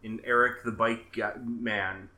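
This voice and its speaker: Man, podcast host, from minnesota, bright tone, chatty, quick asides. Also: lowish voice, level tone. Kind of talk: casual podcast chat.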